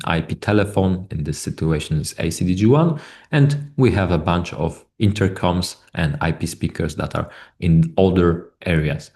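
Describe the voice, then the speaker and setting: Here a man with a low, darkish voice walks through a technical product in a webinar. He's not a native English speaker, and his speech stalls often with hesitations and repeated words.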